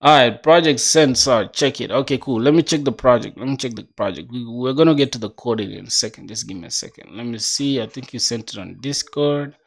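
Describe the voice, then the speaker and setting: A man's voice: mid-range voice, fairly quick, gravelly, hardly any pauses. A man in his twenties chatting casually on a coding livestream, laid-back and slangy, reading viewer comments aloud. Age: 20s. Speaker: streamer.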